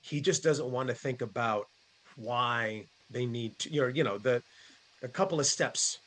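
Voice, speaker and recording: A man playing a tabletop game, halting and searching for words as he explains his character. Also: medium pitch, fairly bright tone. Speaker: player.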